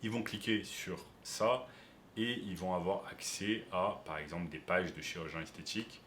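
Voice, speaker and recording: A man's voice: low voice, moderate pace, fairly bright tone, roomy sound, slight background noise. A man who coaches online business, explaining step by step to viewers during a screen-share tutorial.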